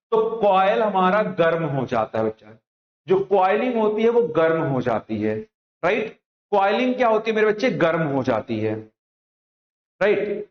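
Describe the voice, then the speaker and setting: High-voiced male teacher in an echoey room. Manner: repeats points, asks and answers own questions, calls students "my child". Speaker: electronics teacher. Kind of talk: online classroom lecture. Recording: echoey, dull lo-fi room recording.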